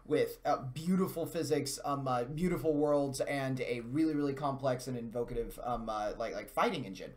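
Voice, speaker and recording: Co-hosting a video game news show, an American man offers casual but wordy commentary that comes out halting, phrased in measured, somewhat formal language. His voice sits in the mid range with a darkish tone.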